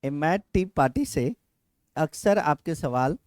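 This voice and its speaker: Guy tutor, talks real slow, repeats stuff, kinda higher voice. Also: animated, a little mellow, no room sound, studio quality. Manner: explains slowly, repeats words, asks if clear. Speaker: teacher. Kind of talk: exam-prep lesson.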